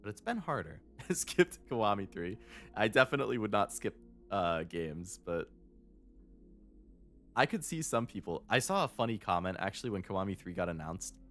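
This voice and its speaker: Male streamer, lowish voice, rambling chat, faint game music behind. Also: sing-song, moderate pace, fairly bright tone. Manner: rambling, chatty, laughs often.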